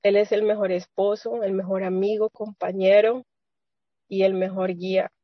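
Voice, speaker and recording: A woman's voice: mid-range voice, flat delivery, moderate pace, no echo. Woman, earnest rambling testimony, dry close sound, dull lo-fi video call audio. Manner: earnest, rambling, many restarts. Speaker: church member sharing testimony.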